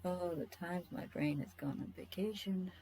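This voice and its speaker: A woman's voice: on the low side, normal speed, dark tone, poor audio. A woman chatting casually while she draws, rambling, scattered and self-deprecating, often muttering to herself. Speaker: artist streaming a drawing session.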